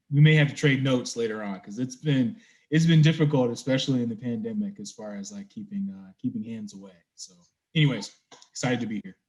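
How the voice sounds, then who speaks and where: A man from South Carolina, a school equity officer, introducing himself on a panel in a relaxed, conversational way. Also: on the low side, muffled recording.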